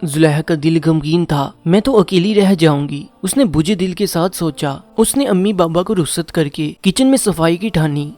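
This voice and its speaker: A man narrating a moral story in a measured storytelling voice. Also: a little high, darkish tone. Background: faint music.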